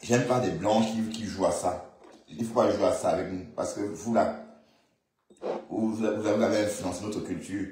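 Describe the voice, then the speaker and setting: A man's voice: fairly low pitch, steady tone, moderate pace, warm tone, slight background noise. A man giving casual, opinionated commentary to viewers, repeating himself and restarting his sentences. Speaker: online commentator. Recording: very echoey room.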